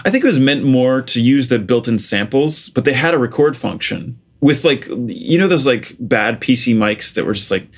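Telling the casual story of his start in music, this interview guest, a Portuguese music producer in his thirties with an American accent, speaks at medium pitch and normal speed. He sounds animated, barely pauses, and fills his talk with "like" and "you know."

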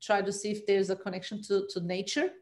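A Turkish woman, whose first language is Turkish, appears as a trauma therapist guest in a casual interview, speaking gently and earnestly with frequent pauses and hesitations. Her mid-range voice shows little pitch movement.

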